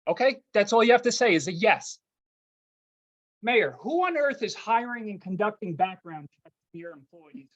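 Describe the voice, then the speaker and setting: A man's voice: high voice, animated, moderate pace. Man, public commenter calling in, combative and accusing, muffled lo-fi call audio that breaks up. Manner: confrontational, accusing. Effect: remote call audio breaking up. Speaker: resident speaking at public comment. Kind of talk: public comment at a council meeting. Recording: dull lo-fi remote call line.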